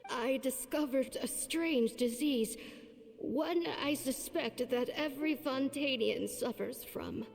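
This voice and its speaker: Very old, faint-voiced woman doctor, slow-speaking. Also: sits high, creaky, darkish tone, long reverb tail, exaggerated voice. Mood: grave, weary. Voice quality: aged, faint, frail voice. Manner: slow, grave, deliberate delivery. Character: old ailing woman doctor, stern weary mentor. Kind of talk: video game story dialogue. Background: music.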